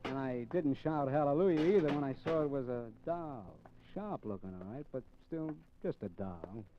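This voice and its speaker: In a muffled old recording of a 1950s radio crime drama, a male actor plays a cocky, cynical, scheming crook narrating his own crime in a hard-boiled, slangy, sardonic style. His medium-pitched voice has lively intonation and a moderate pace, lightly acted, over a noisy background.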